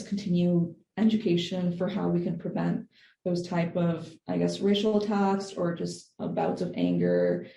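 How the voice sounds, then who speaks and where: Low gravelly young woman, roomy sound. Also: warm tone. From Thailand. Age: young adult. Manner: thoughtful, many fillers and hedges. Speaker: guest. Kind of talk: podcast interview answers. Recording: echoey room with faint noise.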